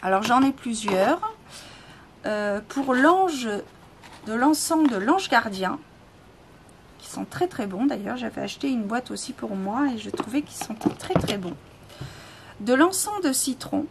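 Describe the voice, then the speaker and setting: A woman showing items she sells in a casual video, speaking slowly with many fillers and self-corrections. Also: a little high, sing-song, creaky. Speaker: spiritual seller showing items for sale. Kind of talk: casual product show-and-tell. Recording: noisy home recording.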